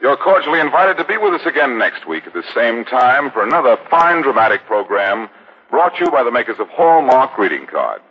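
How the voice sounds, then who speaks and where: A man's voice: mid-range voice, sing-song, fairly quick, slightly rough. An American man hosting a scripted 1940s radio program in the formal, courteous manner of an old radio announcer. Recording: dull, muffled vintage radio broadcast.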